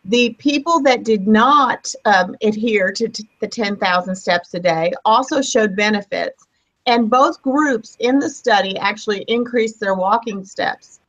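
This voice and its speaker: A woman's voice: medium pitch, unhurried, fairly bright tone. Woman in her fifties on a dull recording. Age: 50s. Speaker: student presenter. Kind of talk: presenting a literature review.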